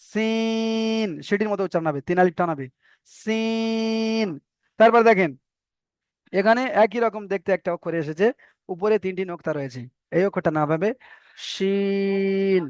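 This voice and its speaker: A man with an Indian Bengali accent teaching an online Quran reading class, patient, repeating each letter slowly and drawing out the vowels. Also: high voice, no echo, clean studio sound. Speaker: Arabic alphabet teacher.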